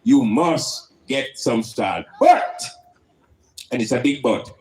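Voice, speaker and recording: A man's voice: medium pitch, unhurried. A man with a Jamaican accent speaking in Rastafarian style, preaching and teaching emphatically with rhetorical questions and Rastafari idioms.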